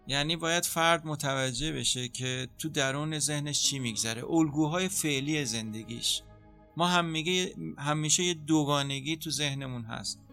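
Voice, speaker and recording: A man speaking as a psychotherapist in an interview, calmly explaining how treatment works and acting out what a therapist says. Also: fairly high pitch, soft background music. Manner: calm, explanatory, acts out therapist dialogue. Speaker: psychotherapist guest.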